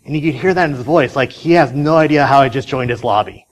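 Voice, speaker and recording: A man's voice: medium pitch, quick pace, a little hiss or hum, low-quality recording. A man giving a casual conference talk, telling a story in a chatty way with many fillers and restarts. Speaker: conference speaker.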